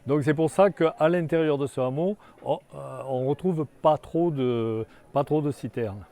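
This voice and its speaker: Halting older man guiding a tour. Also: a little high, warm tone. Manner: halting, many restarts and fillers. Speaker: tour guide. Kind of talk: guided tour talk. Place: outdoors in a hamlet.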